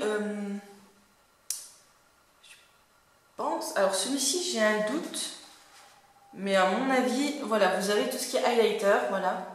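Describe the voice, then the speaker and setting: A woman's voice: fairly high pitch, a bit bright. A young woman giving a casual makeup review as a beauty vlogger, chatty and hesitant with many fillers. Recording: very echoey room.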